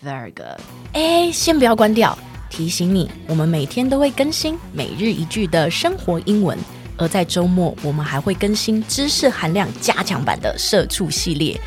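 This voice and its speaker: Animated woman teaching English playfully. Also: fairly low pitch, moderate pace, faint music behind. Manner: teasing, animated, explains patiently. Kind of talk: playful bilingual English lesson.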